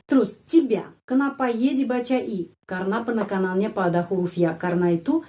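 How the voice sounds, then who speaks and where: A woman's voice: medium pitch, fairly quick, mellow. Woman, patient teacher, repeats every phrase, tags lines with "ya". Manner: explains patiently, repeats phrases, frequent "ya" tag. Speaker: Russian language teacher. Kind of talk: language lesson.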